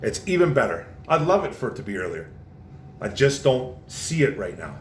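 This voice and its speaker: A man's voice: sing-song, normal speed. Passionate man ranting in an echoey room. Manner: passionate, repetitive, says "man" often. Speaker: vlogger. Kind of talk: casual sports rant. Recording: roomy echo, faint low rumble.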